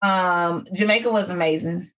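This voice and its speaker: A woman chatting casually with friends, relaxed, often pausing on fillers. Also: lowish voice. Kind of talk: casual chat among friends.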